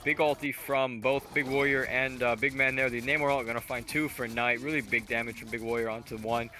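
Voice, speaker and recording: A man doing fast play-by-play commentary on a college esports match, rattling off calls at an auctioneer's pace. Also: medium pitch, steady tone, pushed and bright. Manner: rapid-fire play-by-play, self-described auctioneer pace.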